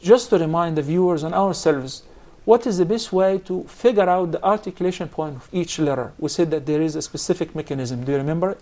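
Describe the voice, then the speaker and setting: A man's voice: a little high, fairly quick, few pauses, darkish tone. A man teaching a Quran recitation class, explaining points patiently and quizzing his students. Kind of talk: classroom instruction.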